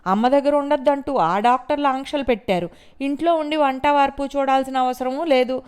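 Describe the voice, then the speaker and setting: A woman voicing a furious, shouting young daughter. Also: sits high, fairly quick, pitched above the performer's own voice, natural voice. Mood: sarcastic. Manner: shouting, accusing, sarcastic.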